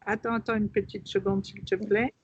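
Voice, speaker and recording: A woman learning Hungarian over a video call, chatty, asking for pauses and repeating words to check them. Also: medium pitch, little pitch movement, slightly rough. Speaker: language student. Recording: dull lo-fi call audio.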